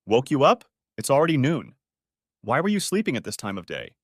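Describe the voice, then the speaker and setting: A woman's voice: a bass voice, sing-song, a little fast, darkish tone, dry recording, clean studio sound, voice pushed up, exaggerated voice. A man voicing a cheerful grown daughter talking on the phone, giggly and sing-song, in a storybook reading.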